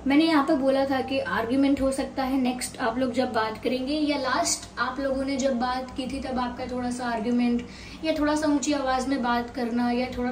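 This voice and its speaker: A woman giving a tarot reading to viewers, mixing Hindi and at an unhurried pace, her throat slightly sore. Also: sits high, a little mellow. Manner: unhurried, mixing Hindi and English, thinking aloud. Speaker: tarot reader. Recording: roomy sound, mic at a distance, faint hiss.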